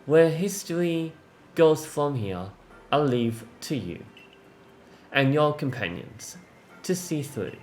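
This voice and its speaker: A man reading aloud the lines of a calm, wise old woman sage, slow and soft, with a lively pitch. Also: faint music behind. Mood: calm, reflective. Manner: reads slowly and softly, measured. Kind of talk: reading game dialogue aloud.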